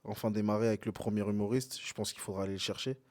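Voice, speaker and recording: A man's voice: lowish voice, steady tone, fast talker, darkish tone. A man co-hosting a live show, chatting casually and hyping the crowd. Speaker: podcast co-host. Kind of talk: casual live-stream chat.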